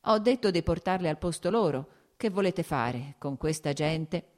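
A woman's voice: low-pitched, lively intonation, normal speed, darkish tone. A woman reading the part of a farm steward man who answers with shrugging excuses. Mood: excusing.

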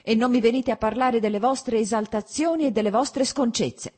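A woman voicing a bitter, betrayed wife who shouts sharply at her husband in an audiobook. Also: mid-range voice, lively intonation, normal speed, husky, voice pushed up. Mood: furious. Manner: shouting, cutting, anguished.

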